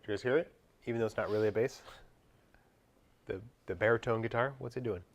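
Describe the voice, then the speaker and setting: A lowish-voiced man talks fast while lecturing a music class. He puts questions to the students and sings quick scatted bits to illustrate them.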